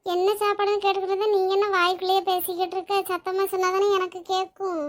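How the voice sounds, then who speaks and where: A woman's voice: very high voice, little pitch movement, fast talker. A woman voicing a bossy, quarrelsome old mother-in-law in a cartoon, speaking. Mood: scolding. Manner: scolding, demanding, picks fights.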